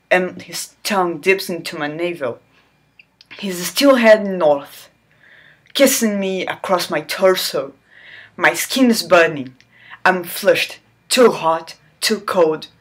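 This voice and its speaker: A woman on her own channel performs a romance novel as an exaggerated, theatrical reading, interrupting herself with sarcastic quips and squeals. Her voice is on the low side, slow and fairly bright.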